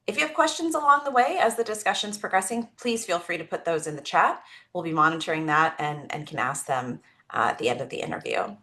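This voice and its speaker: A woman's voice: medium pitch, a bit bright. A woman hosting an online interview who introduces the guest and asks questions in a friendly, upbeat way. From California. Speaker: interview host.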